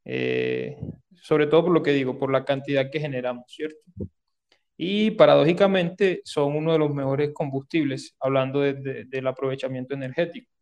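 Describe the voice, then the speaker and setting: A man's voice: mid-range voice, lively intonation, moderate pace, darkish tone. A man with a Colombian Caribbean coastal accent explains things as an interview guest, hesitantly, repeating words and adding tag questions. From Córdoba, Caribbean coast of Colombia. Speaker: interview guest, engineer and researcher. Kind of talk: spoken interview answers, explanatory.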